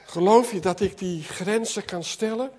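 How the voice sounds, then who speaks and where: High-voiced man preaching with rising intensity. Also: normal speed, darkish tone, a little hiss or hum. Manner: earnest, repeats words, voice rises and drops sharply. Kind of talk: sermon.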